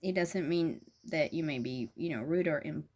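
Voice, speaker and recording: A woman giving an intuitive tarot reading, earnest and effusive, often halting with ums and breaking into laughter. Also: low voice, a little mellow. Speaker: tarot reader.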